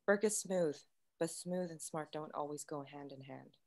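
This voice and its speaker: In a sci-fi table read, a woman with a low, gravelly voice plays a composed, secretive android science officer, delivering lines in a measured, matter-of-fact way.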